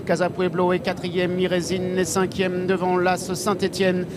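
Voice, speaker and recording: A man's voice: high-pitched, completely flat delivery, normal speed, noisy background. A man calling a horse race live as a race caller, running through the positions as they change.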